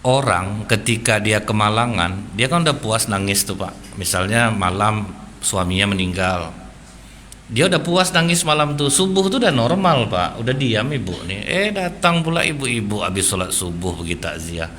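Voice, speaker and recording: A man preaching a sermon, telling stories in an animated way and often turning to address the listeners directly. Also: on the low side, moderate pace, a little hiss or hum. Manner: animated storytelling, keeps addressing the congregation.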